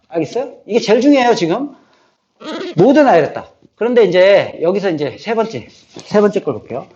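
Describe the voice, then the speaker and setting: Male math teacher, higher pitch, drilling repetition, lo-fi classroom recording with light hiss. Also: darkish tone. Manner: checks in with listeners, often tacking on a questioning "eo?"; repeats key phrases over and over for memorization. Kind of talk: classroom lecture on combinatorics. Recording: slightly dull, faintly noisy lecture recording.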